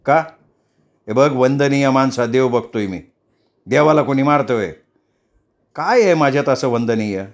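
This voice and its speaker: A man's voice: medium pitch, animated, measured pace, pauses often. A man voicing a blunt, sardonic middle-aged gang boss.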